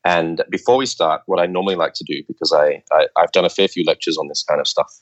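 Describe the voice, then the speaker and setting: A man guesting on a podcast, explaining coffee ideas in a relaxed, lecture-like way with plenty of filler words. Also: low-pitched, fast talker, dull audio. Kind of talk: casual interview talk.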